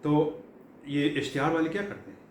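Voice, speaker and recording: A middle-aged man from Pakistan teaching English vocabulary in a classroom lecture style, explaining patiently and repeating key words with frequent fillers. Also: a little high. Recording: echoey room, faint background hum.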